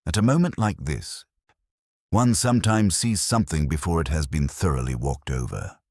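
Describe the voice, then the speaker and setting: A man voicing a mild, gentle elderly spinster detective who speaks with quiet understatement. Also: extremely low pitch, expressive, normal speed, slightly rough, no echo, studio quality, exaggerated voice.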